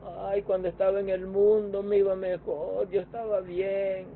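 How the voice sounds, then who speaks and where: A man's voice: high-pitched, monotone, a little slow, gravelly, a little hiss or hum, voice pushed up. A man voicing a complaining churchgoer who sighs and whines about his life since becoming a believer. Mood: whiny. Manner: complaining, sighing "ay". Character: whining male churchgoer complaining about faith. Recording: tinny phone-like sound.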